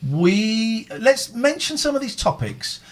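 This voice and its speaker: A man's voice: very high voice, sing-song, takes it slowly. A man with a British accent hosting a live phone-in show in casual, rambling chat, often repeating his phrases.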